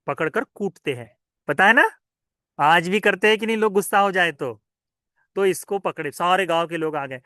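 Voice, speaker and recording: Male monk, children's storytelling sermon, slightly high voice, question-and-answer delivery, dry. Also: no echo. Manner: lively questioning, asks listeners and answers himself. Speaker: Buddhist monk.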